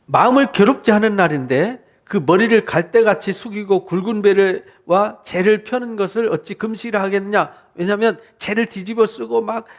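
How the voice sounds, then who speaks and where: A pastor from South Korea delivers an expository sermon in a high, lively voice. He preaches with fervor, firing questions at his listeners and acting out the words of the people he describes. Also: normal speed, hardly any pauses.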